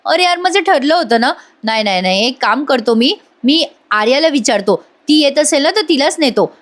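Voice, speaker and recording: A wheedling, playful young husband, talking in a raised, bright register, as a woman puts him on. He coaxes and teases, drawing out his pleas in a soap-opera retelling. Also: high voice, expressive, normal speed. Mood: pleading. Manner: coaxing, wheedling.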